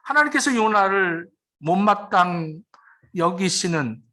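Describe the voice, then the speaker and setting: A woman pastor delivers a sermon with a lively, rising and falling voice. She works through scripture by posing questions and answering them herself. She now and then acts out the figures she quotes. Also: lowish voice, slow pace. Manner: explains scripture, asks and answers her own questions.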